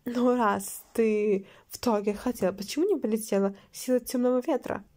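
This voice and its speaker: An angry young fairy girl snaps bluntly and swears at her rivals in a fan audio story, as a woman reader puts her on. The voice is fairly high with a soft, mellow tone. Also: steady tone, moderate pace, natural voice.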